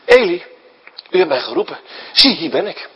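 A man's voice: a little high, big pitch swings, normal speed, bright, forceful tone, breathy edge, in a large hall, lo-fi sound, exaggerated voice. A preacher doing an eager young servant boy. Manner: earnest, reporting for duty.

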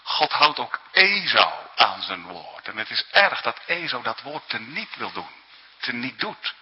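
A very animated man with a mid-range, breathy-edged voice preaches a little slowly, earnest and emphatic, often capping points with questions. His sermon comes through a dull, lo-fi recording carrying a long hall echo.

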